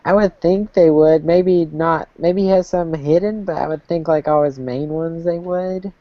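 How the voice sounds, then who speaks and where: A woman's voice: sits low, measured pace, no room sound, lo-fi sound. A woman co-hosting a casual fan recap chat, laughing often as she talks. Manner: giggly, frequent laughter. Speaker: podcast co-host.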